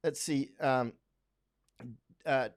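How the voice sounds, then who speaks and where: A man's voice: mid-range voice, fairly even intonation, very slow. A man from Central Florida talking casually on a livestream, rambling with many restarts and fillers. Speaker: livestream host. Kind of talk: casual livestream talk, reading viewer comments. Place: home in Chiang Mai, Thailand.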